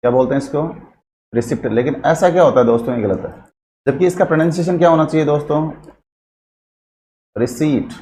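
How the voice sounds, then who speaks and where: A man with a fairly high voice gives a classroom grammar lecture, posing questions to his students and answering them himself. He switches between two languages and spells out words slowly as he writes. A faint hiss runs under the recording. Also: warm tone. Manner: mixes English terms into his Hindi. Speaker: English teacher.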